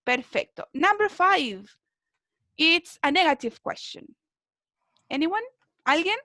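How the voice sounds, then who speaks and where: Woman, English teacher, online class, video call mic, encouraging, high voice, dry sound. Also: lively intonation, slow pace, pushed and bright, no room sound. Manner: encouraging, often checks with "¿cierto?".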